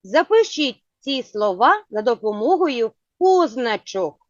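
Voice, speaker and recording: A woman teaching a children's phonics lesson, asking patient, clearly spoken questions. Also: on the high side, sing-song, slow, no echo. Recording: dull lo-fi sound.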